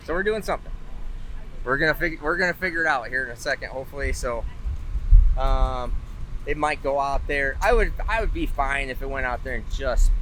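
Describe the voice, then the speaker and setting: A man in casual on-camera chat, rambling and self-mocking as he recounts a bad run. His voice sits at an ordinary middle pitch, and a faint outdoor hum runs underneath. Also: a bit bright, low-quality recording. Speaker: drag racer.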